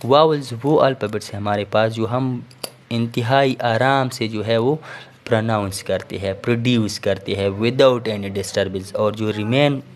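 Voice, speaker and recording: A man's voice: fairly low pitch, unhurried, slight background noise. Patient male teacher explaining. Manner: explains patiently, repeats "theek hai" and fillers. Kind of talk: recorded classroom lecture.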